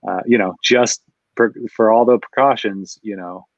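A man's voice: on the low side, moderate pace, dry recording. A man hosts a casual interview over a video call, asking easygoing questions and nodding along with short "mm-hmm"s. His audio is dry and a bit dull and lo-fi. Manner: brief back-channel "mm-hmm"s, relaxed questions. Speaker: host.

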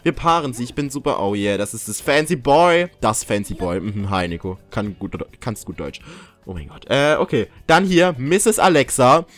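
A man's voice: mid-range voice, very animated, moderate pace, fairly bright tone. A young man giving casual, jokey commentary while playing a life-simulation game, yelping and swearing when something startles him. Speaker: gaming YouTuber. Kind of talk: casual let's-play commentary.

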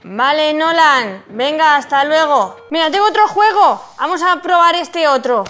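A woman with a Spain Spanish accent giving excited, exclamatory commentary as she plays a video game. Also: high voice, moderate pace. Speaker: gaming streamer.

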